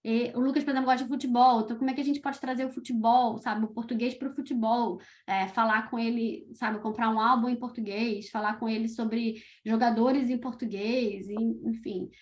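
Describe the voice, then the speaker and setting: A woman's voice: a little high, fairly even intonation, a little fast, few pauses. A middle-aged woman from Brazil, a podcast creator, chatting casually as an interview guest, with lots of "tipo" and "sabe" fillers.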